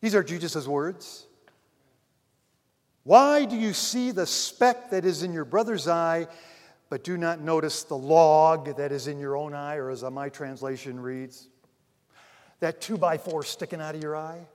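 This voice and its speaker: A man preaching a sermon as pastor, swinging between loud emphasis and hushed asides and calling his listeners dear friends. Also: a little high, unhurried, in a large hall.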